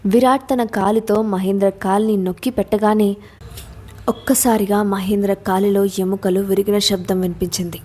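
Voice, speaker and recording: A woman storyteller reads a suspense story as a steady, scripted narration. Her voice is mellow and warm, pitched in the middle range, and her delivery stays even throughout. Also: moderate pace.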